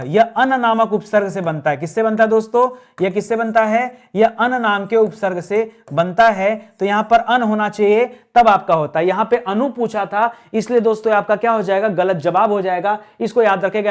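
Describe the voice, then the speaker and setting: Male tutor, high-pitched, methodical, repeats answers for the class. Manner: explanatory, repeats key words, addresses viewers as friends. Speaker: teacher. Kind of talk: exam-prep grammar lesson.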